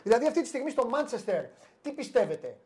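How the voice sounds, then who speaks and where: A man's voice: extremely high pitch, sing-song, a little mellow. A man hosting a casual sports talk show, teasing and playful in banter.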